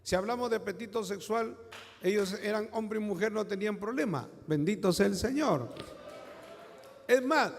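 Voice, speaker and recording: A man's voice: high-pitched, normal speed, gravelly, in a large hall. A man preaching a sermon as pastor, fervent and breaking into praise exclamations.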